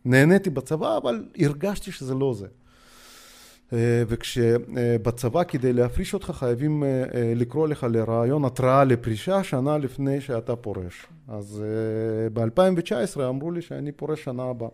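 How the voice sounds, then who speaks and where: Warm-voiced man with a Russian accent. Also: medium pitch, expressive. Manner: hesitant, halting, many filler sounds. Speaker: podcast guest. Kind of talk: personal storytelling.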